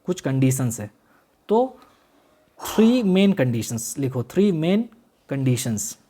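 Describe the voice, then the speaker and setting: Speaking at a medium pitch with big swings and a warm tone, a male law teacher gives a classroom-style lecture. He combines Hindi with English legal terms, repeats key phrases at a slow pace, and quizzes his students.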